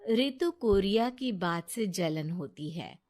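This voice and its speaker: A woman narrating a moral bedtime story in a quiet, even manner. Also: medium pitch, slow pace.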